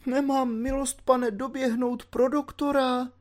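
A man reading an audiobook, voicing a frightened, tearful old landlady in a high squeaky falsetto. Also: little pitch movement.

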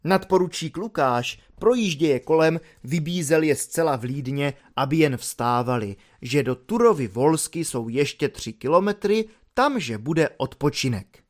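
Expressive male audiobook narrator. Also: a little high. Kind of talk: audiobook reading of a novel.

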